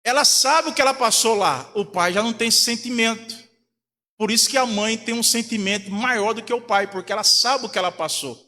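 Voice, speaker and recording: In a large church hall, a Brazilian pastor preaches a sermon built around a family story, acting out the voices of the people in it. His voice is extremely high, sharp, and a little fast.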